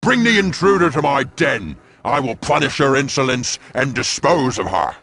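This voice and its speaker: An actor playing a scornful, menacing tyrant warlord in a video game, with a raspy, commanding voice. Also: male voice, mid-range voice, big pitch swings, moderate pace, a bit bright. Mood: contemptuous command. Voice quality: raspy, gravelly. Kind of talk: video game character acting.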